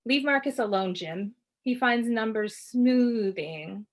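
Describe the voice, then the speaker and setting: A woman's voice: fairly high pitch, slow pace. A worn-out, despairing mother close to tears, speaking with a weary rawness, as a woman reads her aloud. Her lines come out strained and emotional. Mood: distraught. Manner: weary and raw. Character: despairing tipsy mother on edge.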